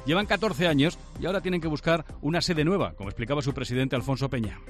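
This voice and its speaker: A man's voice: on the high side, fast, faint music behind. A man with a Spanish accent from Spain reading a scripted local radio news bulletin.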